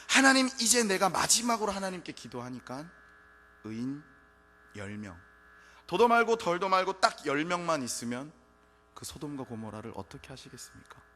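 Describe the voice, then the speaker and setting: A preacher voicing Abraham, pleading and bargaining. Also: male voice, on the high side, pushed and bright, voice pushed up, exaggerated voice. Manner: pleading, apologetic. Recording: reverberant church hall, faint music.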